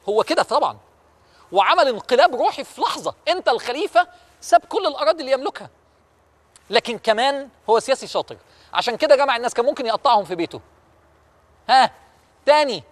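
A man with an Egyptian Arabic accent, preaching and telling a story in a fervent way, firing rhetorical questions at his listeners. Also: very high voice. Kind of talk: storytelling religious talk. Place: historic mosque-like building.

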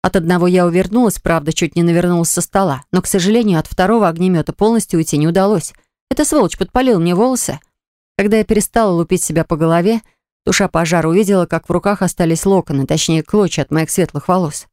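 Smooth-voiced woman reading an audiobook. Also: fairly low pitch, fast, no echo, clean studio sound. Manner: lively, indignant, sharp-tongued storytelling. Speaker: audiobook narrator. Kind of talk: expressive first-person audiobook narration.

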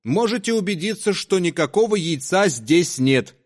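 A man's voice: high voice, expressive, normal speed, voice pushed up. A man doing a hungry, trembling street conjurer. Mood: showman patter. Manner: pleading, shaky showman patter.

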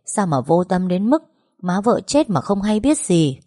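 A woman voicing a blunt older village man who scolds slowly in a storybook reading. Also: medium pitch, big pitch swings, mellow, dry recording, clean studio sound. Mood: reproachful. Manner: slow, blunt and reproachful.

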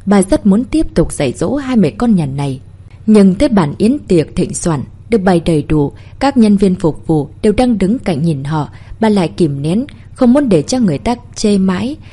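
A woman reads a story aloud with expressive storytelling. Her pitch moves widely, and her tone is husky and mellow. The reading stays animated throughout. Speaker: narrator.

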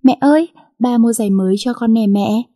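A woman's voice: on the high side, fairly quick, warm tone, lightly acted. A woman voicing a sweet, affectionate ten-year-old girl in a storybook reading, with an eager, childlike manner. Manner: eager, tearful when frightened.

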